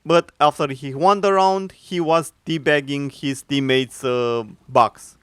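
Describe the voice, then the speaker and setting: Sarcastic male commentary voice, smooth and dry. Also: a little high, fairly even intonation, fairly bright tone, dry recording. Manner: sarcastic, mocking, frequent filler pauses. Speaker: commentary youtuber. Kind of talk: opinionated video commentary.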